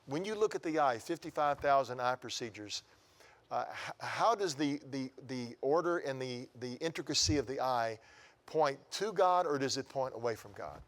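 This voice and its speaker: A man's voice: mid-range voice, lively intonation, normal speed. A middle-aged man interviewing guests on a TV studio set, rambling through his questions with frequent restarts. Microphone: lapel mic.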